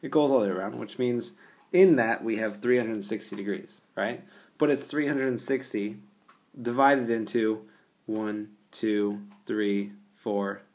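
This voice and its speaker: A man's voice: lowish voice, unhurried, a little mellow. A man teaching a geometry lesson over a screencast, explaining patiently in a casual way and often checking in with the listener. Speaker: math teacher.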